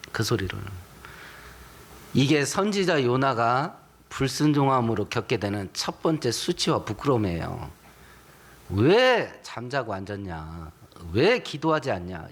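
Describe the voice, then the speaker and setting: A male pastor preaching a sermon, emphatic and asking the congregation rhetorical questions. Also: medium pitch.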